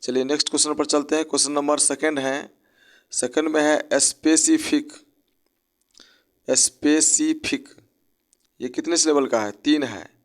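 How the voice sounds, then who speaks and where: A man's voice: a little high, fairly even intonation, unhurried, long pauses. A man teaching an English spelling lesson, breaking words into syllables and spelling them out letter by letter.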